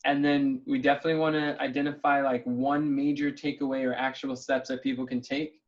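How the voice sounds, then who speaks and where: A man runs a relaxed planning session over a video call, thinking out loud in an upbeat, easygoing way. His voice sits at an ordinary middle pitch. The call audio is dull and lo-fi. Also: brisk. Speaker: meeting leader.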